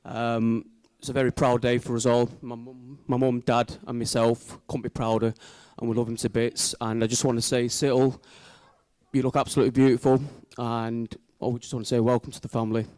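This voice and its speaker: A man's voice: medium pitch, little pitch movement, a little fast, a little mellow, no room sound. A man giving an informal, heartfelt wedding speech as the groom's brother, speaking sincerely and a little hesitantly.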